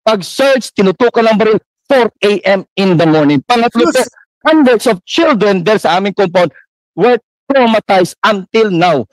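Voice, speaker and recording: A man's voice: high-pitched, expressive, moderate pace, no echo, rough recording. A man, a church minister, giving impassioned, deferential testimony at a formal public hearing. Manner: impassioned, deferential, heavy use of polite particles.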